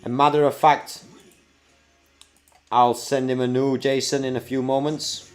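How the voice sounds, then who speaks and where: A Belgian man whose accent blends UK, New Zealand and American sounds hosts a casual livestream from his home desk setup, chatting upbeat to viewers as he works. He's tired after a night awake, and his medium-pitched voice stays level and unhurried.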